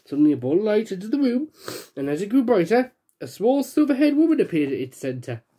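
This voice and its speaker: Lively woman reading a children's book. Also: mid-range voice, fairly quick, slightly rough. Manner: expressive, voicing characters. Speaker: storyteller.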